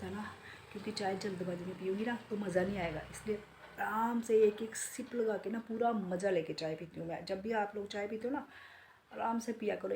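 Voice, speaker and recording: A woman in her forties vlogging casually from home in a chatty, relaxed way, talking straight to viewers, her throat a bit sore from a cold. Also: mid-range voice, slight background noise. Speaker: beauty salon owner and vlogger. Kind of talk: casual home vlog chat. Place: home, indoors.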